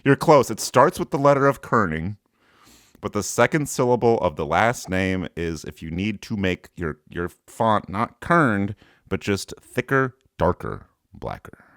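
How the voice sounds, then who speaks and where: A man with a fairly low voice hosts a casual podcast and jokes his way through word clues. His pitch swings widely from line to line. The sound is dry and close to the mic. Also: expressive, a little slow, a bit bright, no room sound. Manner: joking, gives playful word clues. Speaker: podcast host. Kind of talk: casual chat.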